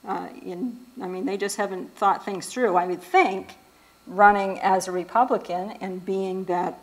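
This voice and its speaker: A woman talks at an ordinary middle pitch to a church group. Her delivery is casual and conversational, with frequent fillers and restarts. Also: fairly even intonation, unhurried, low-quality recording. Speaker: speaker at a church event.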